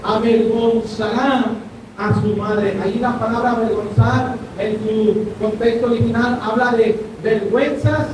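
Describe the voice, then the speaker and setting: A male pastor preaches in a church hall, his voice fairly even in intonation and a little slow. He frequently asks the congregation whether they follow, captured on a distant mic in an echoey room with a faint rumble.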